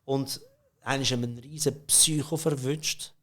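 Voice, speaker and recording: Speaking at a measured pace in a fairly bright, mid-range voice with fairly even intonation, a middle-aged Swiss German–accented man tells casual stories. He's a company CEO guesting on a podcast, chatty and quick to laugh, with lots of fillers and restarts.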